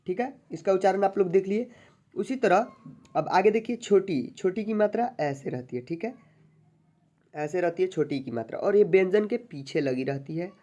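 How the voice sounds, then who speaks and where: A teacher giving an online alphabet lesson, patiently sounding out syllables slowly and often checking that viewers follow along. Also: mid-range voice, expressive, mellow, highs cut off. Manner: addresses viewers as friends. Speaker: Hindi teacher.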